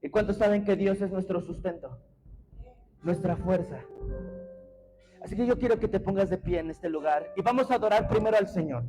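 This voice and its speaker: A man preaching a sermon as pastor in a church, impassioned and often shouting to the congregation. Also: high voice, moderate pace, long pauses, over music, poor audio. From Mexico. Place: church sanctuary.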